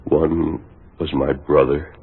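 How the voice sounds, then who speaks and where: The Lone Ranger, weak and earnest. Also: male voice, extremely low pitch, little pitch movement, husky, heavily acted. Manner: earnest, halting. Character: wounded young male Texas Ranger, earnest. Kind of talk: 1940s radio acting. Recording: tinny lo-fi old radio broadcast.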